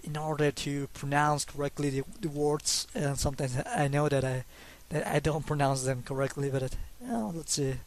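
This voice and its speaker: This young Mexican man, a hobby artist, has a fairly high voice with little pitch movement and speaks at a moderate pace with few pauses. In Mexican Spanish-accented English he discusses his drawings casually but hesitantly, full of fillers and restarts, laughing a little in a self-conscious way.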